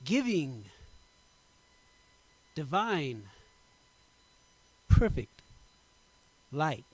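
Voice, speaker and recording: A man giving a dramatic poetry recitation, slow and emphatic, drawing out his words. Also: a bit bright, no echo. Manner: slow, emphatic, drawn-out delivery with big pitch swings. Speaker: poetry performer.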